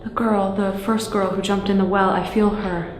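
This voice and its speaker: Woman acting a halting psychic in an echoey room. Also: medium pitch, steady tone, close to an everyday voice. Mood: uneasy, haunted. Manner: halting, trailing pauses. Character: hushed, uneasy woman psychic sensing spirits. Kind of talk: found-footage horror film acting. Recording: roomy echo, music behind.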